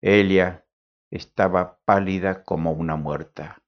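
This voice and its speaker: A man narrating an audiobook in a measured, deliberate way. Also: deep voice, steady tone. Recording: dull lo-fi recording.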